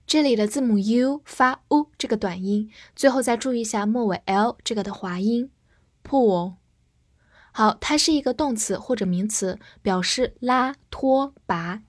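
A woman teaching English vocabulary, who spells each word letter by letter and reads the example sentences slowly. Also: on the high side, dry recording, studio quality. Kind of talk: vocabulary lesson.

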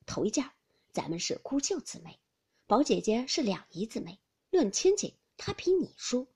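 Woman reader doing a soft-spoken young nobleman, husky half-whisper, pleading. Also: a little high, very animated, normal speed, pitched above the performer's own voice, full character voice. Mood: coaxing. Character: young nobleman, gentle and coaxing.

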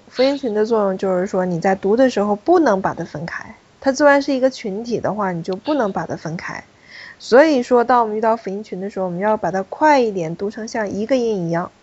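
A woman's voice: mid-range voice, a little mellow, slightly rough, lo-fi sound. A woman teaching a French pronunciation class, explaining rules step by step and calling on students. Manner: explanatory, repeats key points, calls on students.

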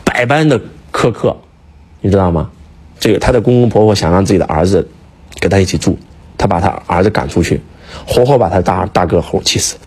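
A man's voice: sits low, a little fast, a little mellow, husky. A man lecturing in a casual chat, emphatic and full of rhetorical questions, talking to his listener like a teacher. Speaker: speaker, teacher.

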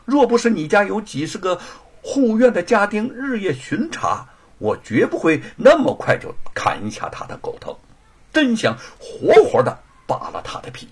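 A man voicing a proud young heroine avenger in a storytelling performance, speaking high and loud in fierce outbursts. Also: wildly swooping pitch, normal speed, slightly rough, full character voice. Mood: furious.

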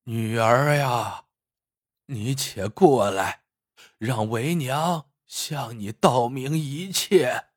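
A man voicing a stern, shrewd elderly mother-in-law who speaks slowly and heavily in a storybook reading. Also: mid-range voice, husky, dry recording, clean studio sound. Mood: grave, deliberate. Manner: slow, heavy, measured speech.

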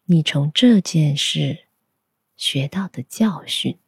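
A woman leads a guided meditation in a soothing whisper. Her voice is very breathy and low, and she speaks extremely slowly. The delivery is soft and instructional, like a spa relaxation track. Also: lively intonation, dry recording, studio quality.

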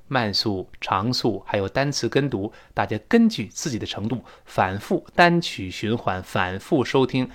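A man teaching spoken English in Chinese, explaining pronunciation and acting out sounds and sighs. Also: on the low side. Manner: lively, demonstrates pronunciation with drawn-out sounds. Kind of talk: spoken English lesson podcast.

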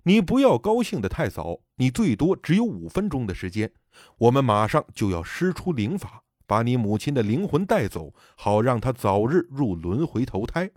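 A man's voice: mid-range voice, sing-song, normal speed, darkish tone, dry recording, studio quality, voice pushed down. A man voicing a stern male ritual master who speaks firmly and commandingly. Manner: firm, commanding.

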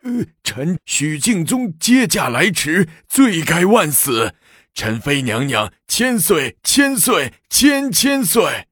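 A man's voice: a little high, takes it slowly, breathy edge, no echo, clean studio sound, voice pushed up, heavily acted. Man doing a fawning old court official. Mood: groveling. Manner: flattering, wheedling.

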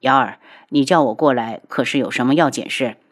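A woman voicing a heartbroken young nobleman who pleads in a low, subdued voice. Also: a little fast. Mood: pleading.

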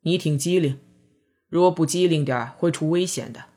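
A woman voicing a coarse middle-aged male dog butcher in an audiobook reading, with a blunt, gruff delivery. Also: low-pitched, a little fast, dark tone.

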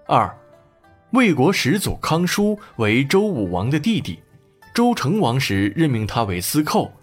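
A man's voice: mid-range voice, slightly rough. A man narrating a children's history story expressively. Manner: expressive, lively.

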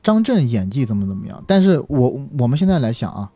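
Mellow man with very lively intonation. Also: medium pitch, fast, no echo. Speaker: film industry commentator. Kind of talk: casual discussion.

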